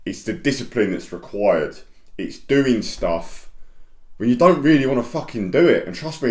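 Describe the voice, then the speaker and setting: A man's voice: medium pitch, a little mellow, roomy sound. A man coaching construction business owners in a blunt, straight-talking monologue, swearing often and hammering points through repetition.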